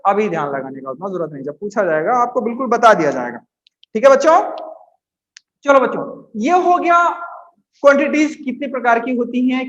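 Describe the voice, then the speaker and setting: A man teaching physics to students, coaxing them along and slowly repeating key terms. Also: very high-pitched. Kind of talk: classroom lecture to students. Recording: echoey room, dull lo-fi sound.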